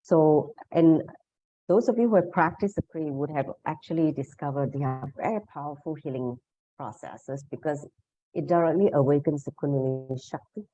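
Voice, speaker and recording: Guiding a meditation lesson over a video call, this woman speaks at normal speed in a deep, dark voice, her explanations devotional and instructional. The audio is dry, dull, and muffled, as typical of an online session.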